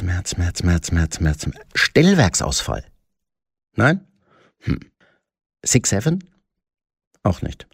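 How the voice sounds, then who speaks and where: A man's voice: deep voice, no room sound, studio quality. A man reading scripted satirical commentary with a sardonic, mock-pompous delivery.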